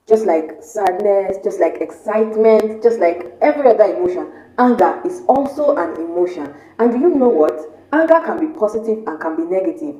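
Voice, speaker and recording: A woman's voice: mid-range voice, warm tone. A woman hosting her own channel, giving earnest motivational advice to the viewer, asking rhetorical questions and repeating her key points. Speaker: motivational YouTube host. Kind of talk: motivational talk to camera. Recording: roomy echo.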